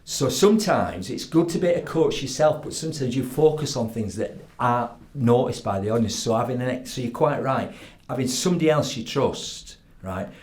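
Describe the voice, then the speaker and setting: A man with a broad Yorkshire accent talks into a studio podcast microphone. He tells stories as a guest, slipping into quoted voices and often asking "right?" to keep the listener with him. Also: mid-range voice. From Yorkshire, England. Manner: animated storytelling with acted quotes, frequent "right?". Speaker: professional public speaker, guest. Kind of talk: casual interview chat.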